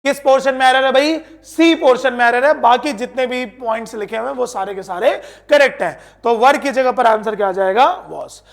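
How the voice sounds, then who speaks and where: A man with a very high-pitched voice teaches an exam-prep English grammar lesson. He keeps asking the class questions and then answers them himself. He reads English example sentences out slowly, word by word, with an Indian accent. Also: gravelly.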